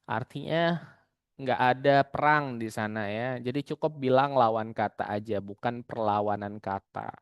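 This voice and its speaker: Young male exam tutor, chatty and explanatory, smooth clear tone, dry close sound. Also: medium pitch, moderate pace, dry recording. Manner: chatty and explanatory, often tagging lines with "gitu" and "ya". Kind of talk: casual online exam-prep lesson.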